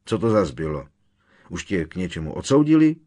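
A man voicing a blustering, bullying middle-aged uncle who barks and gloats loudly in an audiobook. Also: deep voice, sing-song. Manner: loud, barking and gloating. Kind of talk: audiobook character reading.

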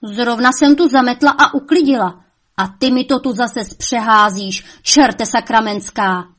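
A woman's voice: medium pitch, natural voice. A woman voicing the devil's old mother, a cunning woman who scolds shrilly and coaxes sweetly. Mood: scolding.

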